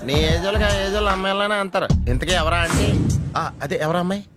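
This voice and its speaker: An actor playing a cheeky young nephew who answers everything with quick wisecracks in a film comedy. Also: male voice, high-pitched, over loud music, lightly acted.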